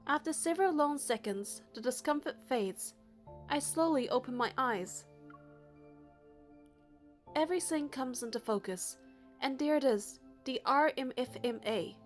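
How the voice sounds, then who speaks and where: Soft music accompanies a woman with a high voice as she plays through a game, reading the story narration aloud with plenty of expression.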